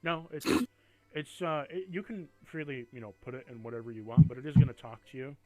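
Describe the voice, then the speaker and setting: A man's voice: medium pitch, brisk, dark tone, faint music behind, poor audio. A man running a tabletop fantasy game, improvising narration that shifts between dramatic description and casual rules talk. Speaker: game master.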